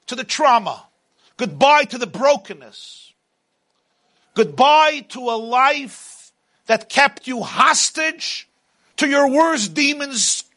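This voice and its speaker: A man giving a motivational sermon as a religious speaker, with dramatic, emphatic phrasing and deliberate repetition. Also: extremely high pitch, bright, forceful tone.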